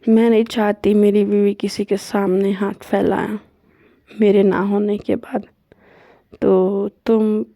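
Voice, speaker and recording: A woman's voice: medium pitch, creaky, dry recording, clean studio sound. A woman voicing an earnest, protective wife. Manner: earnest, gently explaining. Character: caring protective woman talking to her wife.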